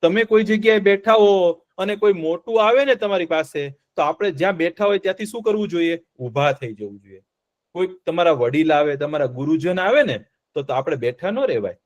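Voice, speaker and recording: High-voiced man telling children a story. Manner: asks the children questions and repeats the answers, lively and playful. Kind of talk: interactive storytelling lesson for children.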